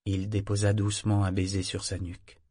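Clean studio sound with no room echo carries a man's lowish voice as he narrates a novel. His scripted audiobook reading is steady and even.

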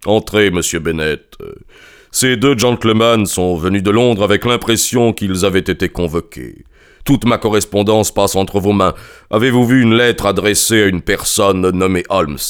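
A man's voice: lowish voice, normal speed, clear, resonant tone, natural voice. A man doing a harsh, suspicious old professor. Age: older. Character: irascible old male professor, menacing. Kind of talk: audiobook character reading.

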